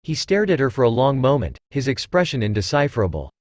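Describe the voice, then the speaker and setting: Expressive male story narrator. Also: medium pitch, fast, no room sound. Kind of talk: reading fan fiction aloud.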